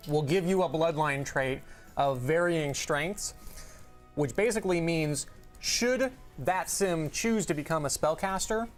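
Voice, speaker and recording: Relaxed man explaining game mechanics. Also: a little high, unhurried, faint music behind. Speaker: game developer co-host. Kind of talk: casual livestream chat.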